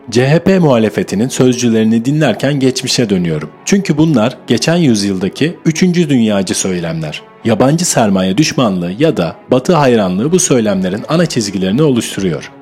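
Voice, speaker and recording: A man reading a newspaper opinion column aloud in a formal, even delivery. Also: mid-range voice. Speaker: column reader. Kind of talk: scripted narration.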